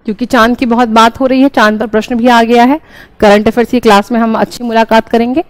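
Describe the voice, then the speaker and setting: A woman's voice: a little high, little pitch movement, fast, no room sound, rough recording. A young woman teaching an exam-prep class, explaining each answer step by step and often checking in with her listeners. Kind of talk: exam-prep lesson, solving questions.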